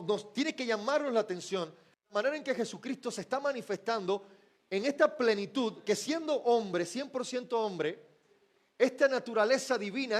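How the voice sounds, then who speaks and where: A man preaching a sermon who keeps asking the congregation questions and waits for them to answer, sometimes dropping to a soft, low voice for emphasis. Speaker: pastor.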